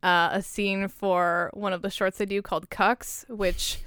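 Excitable young woman, very clear voice. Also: mid-range voice, a little slow. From Canada. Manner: excited, swears freely, laughs through stories. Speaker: podcast co-host. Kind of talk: casual chat.

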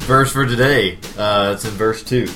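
A man co-hosting a podcast, talking through a Bible passage in a relaxed, wry way with plenty of fillers. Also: lowish voice, moderate pace, music in the background. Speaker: podcast co-host. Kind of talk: casual Bible study chat.

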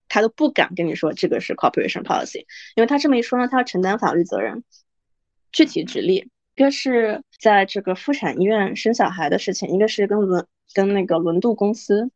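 A young adult woman hosts a podcast, delivering a casual advice monologue that is frank and chatty, acting out what other people say. Her mid-range voice is a little mellow, and the recording is dry with a lo-fi sound.

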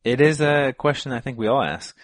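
A man co-hosting a sports podcast in casual chat, relaxed and full of fillers. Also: medium pitch, brisk, dry recording, studio quality. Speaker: podcast co-host.

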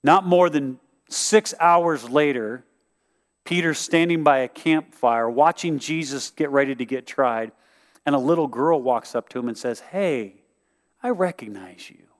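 A man preaching a sermon, telling the story in a lively way and acting out what people said. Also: mid-range voice, measured pace, in a large hall. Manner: animated storytelling, acts out quotes. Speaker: pastor.

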